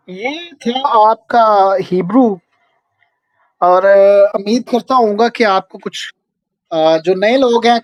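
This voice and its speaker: A man with a Pakistani Urdu accent teaches an online Bible and Hebrew lesson over a video call, patiently checking in with his students by asking "okay?". His voice is very high-pitched, and there is no room sound.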